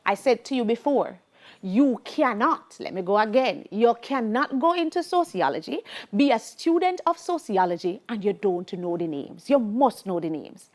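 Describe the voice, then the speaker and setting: A woman's voice: on the high side, expressive, normal speed, darkish tone. A middle-aged woman with a Jamaican accent teaching a televised sociology lesson, emphatic and repeating key points, slipping into Creole phrases.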